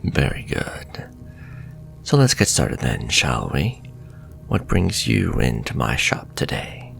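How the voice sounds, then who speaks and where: A man plays a suave, flirtatious, sinister warlock shopkeeper in a fantasy ASMR roleplay, speaking softly and courteously and drifting into breathy whispers. His bass voice is very animated, slow and exaggerated, with a flirtatious, coaxing mood and faint music behind.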